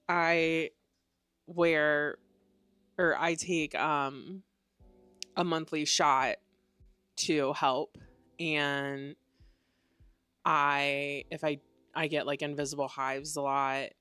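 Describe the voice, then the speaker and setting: A woman's voice: low-pitched, fairly bright tone, smooth, no room sound. A woman hosting a live stream in casual, rambling chat, sounding congested and nasal. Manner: chatty and rambling, many "like"s. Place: at home at a computer.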